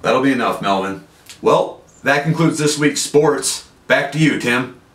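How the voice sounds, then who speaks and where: A man's voice: medium pitch, lively intonation, measured pace, a bit bright. A man playing a straight-laced, easily baffled sportscaster in a parody segment, with a stiff, formal delivery. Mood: baffled, stern. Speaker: sports anchor. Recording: echoey, distant mic, faint noise.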